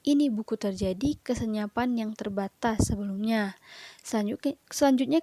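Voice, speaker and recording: A woman's voice: a little high, warm tone. A young woman, a university student, presenting a lesson by reading listed points aloud in short phrases with occasional fillers. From Indonesia. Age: young adult. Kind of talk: read-aloud lecture presentation.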